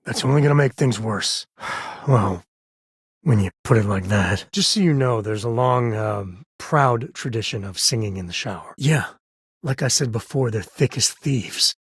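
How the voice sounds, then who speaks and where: In short video game dialogue lines, a roguish spacefaring ranger speaks with a mid-pitched, heavily husky voice, folksy and wry like a protective father who has seen the frontier. His easygoing, candid delivery is expressive and measured, with a casual drawl. The sound is dry and close, with no room sound.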